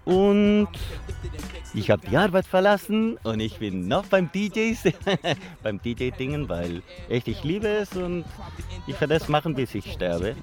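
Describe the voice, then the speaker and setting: A man's voice: fairly high pitch, big pitch swings, unhurried, a little mellow, faint music behind. A man from Chile, a guest DJ speaking earnestly in simple, during a casual interview outdoors by a lake. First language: Spanish. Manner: earnest, in simple non-native German.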